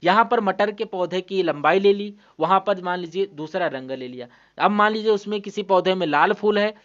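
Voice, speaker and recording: A man's voice: sits high, fairly bright tone. A man teaching a biology lesson, explaining patiently and repeating points, often asking a question and then answering it himself, with frequent hesitations and restarts. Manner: patient, repetitive, asks and answers own questions. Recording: dull lo-fi sound.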